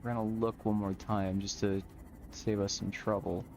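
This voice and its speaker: Streaming a modded survival game, a male gamer gives casual, chatty commentary, explaining things colloquially as he plays. His voice is fairly low and flat, at normal speed, with background noise in the recording.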